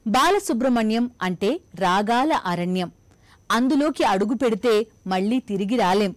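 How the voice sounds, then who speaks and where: A woman's voice: mid-range voice, expressive, normal speed, no room sound. A woman reciting a poetic, rhythmic script as a documentary narrator. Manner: lyrical, rhythmic, admiring recitation.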